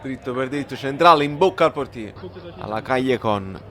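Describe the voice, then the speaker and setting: A man's voice: mid-range voice, animated, moderate pace. A man with a Neapolitan Italian accent giving a casual, spontaneous football reaction, colloquial, slangy and exclamatory. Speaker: football fan doing a live match reaction. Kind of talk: casual spontaneous match commentary. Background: football match broadcast with crowd.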